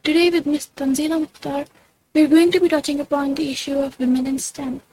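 A woman's voice: high voice, little pitch movement, a little fast, dark tone, a little hiss or hum, rough recording. A woman hosting an interview, reading formal prepared questions. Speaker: interview host.

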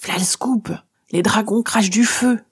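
A woman voicing a girl's cheeky, sharp-tongued talking shadow in a whispered role-play, teasing in hushed, higher asides. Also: moderate pace, breathy edge, dry recording, clean studio sound. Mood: sarcastic.

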